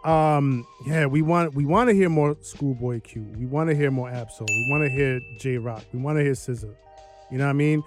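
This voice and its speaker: Higher-voiced American man, opinionated ribbing. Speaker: podcast co-host. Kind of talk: casual barbershop-style podcast talk.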